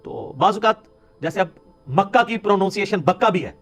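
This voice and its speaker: A man's voice: sits high, very animated, soft background music. Pakistani man giving a religious lecture. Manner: explanatory, conversational with sarcastic asides and Punjabi interjections. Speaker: Islamic scholar.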